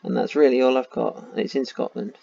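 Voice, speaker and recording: A man's voice: mid-range voice, steady tone, brisk, gravelly, mellow. A man with a tired voice, thinking aloud in casual commentary while playing a map game. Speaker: game streamer. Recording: dull lo-fi sound.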